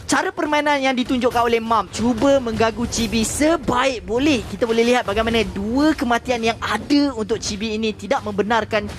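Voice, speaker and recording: A man's voice: very high voice, a little fast, hardly any pauses. A man with a Malaysian accent giving analytical esports caster commentary in wordy, formal phrasing.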